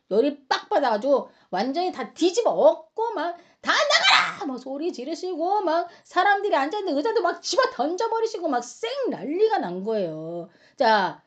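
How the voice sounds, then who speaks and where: Animated high-pitched woman teaching Bible. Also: lo-fi sound. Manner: animated storytelling with dramatic acted-out quotes; colloquial, chatty asides to listeners. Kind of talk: Bible study lesson.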